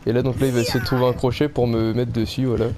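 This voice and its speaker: A man's voice: medium pitch, flat delivery, very fast, over loud music. A man giving explanatory commentary on a horror game as he plays, hesitantly walking viewers through it step by step. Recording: clearly noisy game background.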